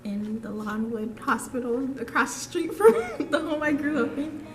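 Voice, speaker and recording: A woman's voice: high-pitched, lively intonation, moderate pace, a little hiss or hum. A young woman from Florida talking casually about her family, peppering her speech with "like.". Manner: casual, uses "like" a lot. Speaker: interviewee. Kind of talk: casual recollection. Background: music.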